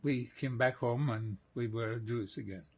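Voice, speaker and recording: A man in his eighties from Greece, slowly and reflectively recalling his childhood in an oral history interview, with soft laughs. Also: mid-range voice, husky. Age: 80s.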